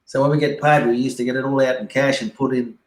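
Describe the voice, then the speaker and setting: An Australian man talks in a relaxed, rambling way, full of "you know" and restarts. His voice sits at an ordinary pitch. The sound bounces around an echoey room. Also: quick pace. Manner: laid-back, rambling, many fillers. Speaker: guest. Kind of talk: casual yarn on a live stream.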